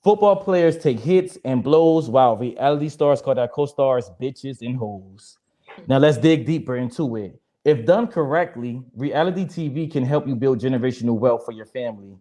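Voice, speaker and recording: A man's voice: medium pitch, moderate pace, warm tone. A young man moderating a casual panel chat in a joking, blunt and profane way. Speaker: moderator of a discussion show.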